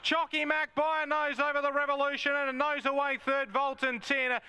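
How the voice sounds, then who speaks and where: An Australian man calling harness races, rattling off names in a flat run that lifts at the finish. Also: very high-pitched, moderate pace. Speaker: stand-in race caller. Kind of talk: harness race commentary.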